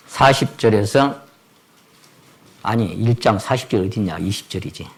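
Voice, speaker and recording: A man preaching a Sunday sermon with dramatic swings between hushed words and exclamations. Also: on the low side, moderate pace, vocal fry, breathy edge. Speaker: pastor. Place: church service.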